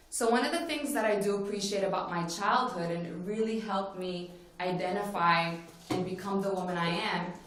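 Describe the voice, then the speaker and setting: A woman from Morocco giving an earnest personal talk at a forum, telling her story with frequent "you know" fillers. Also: mid-range voice. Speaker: forum speaker. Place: conference plenary hall. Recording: very echoey hall.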